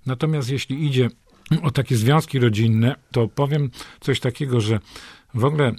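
Older man, slow deliberate reader, fillers in talk; very dry close recording. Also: mid-range voice, darkish tone, husky, no room sound. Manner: slow, measured reading with hesitant fillers in talk. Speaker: guest reminiscing about a poet friend. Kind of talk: recalling anecdotes and reading poetry aloud.

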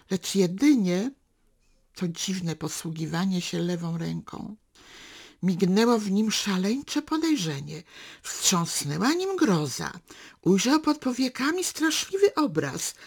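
A woman's voice: lowish voice, breathy edge. A woman reading a novel passage aloud with dramatic swings into the characters' thoughts, then talking it over.

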